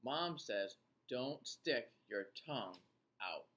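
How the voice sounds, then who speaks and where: This middle-aged male teacher reads a picture book to young kids at a very unhurried pace. His pitch swings animatedly, and his deliberate, expressive reading pauses for questions to the children.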